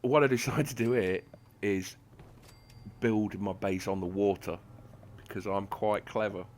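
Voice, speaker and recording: A man's voice: lowish voice, steady tone, a little slow, a little hiss or hum. A man giving gameplay commentary in a sarcastic, self-mocking, rambling way, with a slight lisp from toothache. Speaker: gaming channel host.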